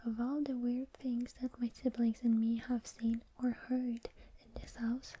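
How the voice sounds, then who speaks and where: A woman whispering in a breathy, unvoiced voice, reading stories and rambling informally in an unhurried ASMR style. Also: a little high, level tone, mellow, a little hiss or hum.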